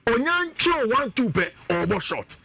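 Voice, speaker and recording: A man with a Ghanaian accent, a sports pundit giving energetic, analytical talk on a radio show and mixing in local phrases. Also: very high-pitched, moderate pace, gravelly, husky, no room sound.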